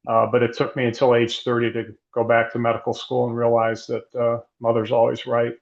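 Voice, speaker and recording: A middle-aged man, a guest physician, speaking in a measured, thoughtful way with frequent restarts. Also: medium pitch, completely flat delivery, gravelly, muffled recording. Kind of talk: reflective interview conversation.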